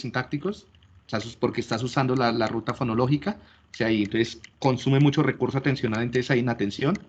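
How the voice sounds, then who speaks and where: Male lecturer, patient step-by-step teaching, mid pitch, muffled lo-fi sound. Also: slight background noise. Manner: explanatory, checks understanding with frequent rhetorical questions. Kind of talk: classroom lecture.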